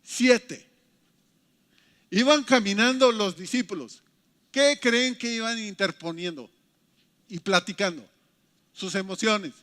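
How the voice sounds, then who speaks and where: A Mexican man preaching a sermon as pastor, emphatic and animated as he retells scripture stories. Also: high-pitched, slow, pauses often. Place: church. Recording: reverberant church hall.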